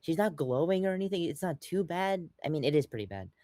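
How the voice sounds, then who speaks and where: A man's voice: on the high side, expressive, fast, dark tone, no room sound, clean studio sound. A young man co-hosting a podcast, rambling through casual chat with lots of fillers and restarts, acting out quotes along the way. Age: young adult. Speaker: podcast co-host.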